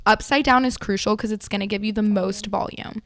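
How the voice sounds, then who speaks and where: A woman's voice: medium pitch, fairly even intonation, brisk, a bit bright, dry recording. A young woman co-hosting a podcast, chatting in a gushing, casual way with lots of fillers. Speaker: podcast co-host. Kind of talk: casual chat.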